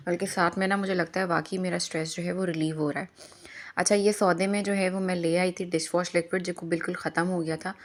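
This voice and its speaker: In a voice-over, a homemaker vlogger describes her chores in a slightly low voice. Her tone is chatty and full of advice, and she slips English phrases into what she says.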